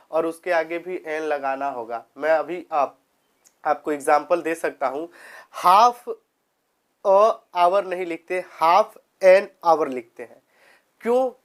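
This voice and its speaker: A man teaching a grammar lesson for exam preparation. He asks rhetorical questions and answers them himself, and he reads example sentences slowly. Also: sits high, clean tone.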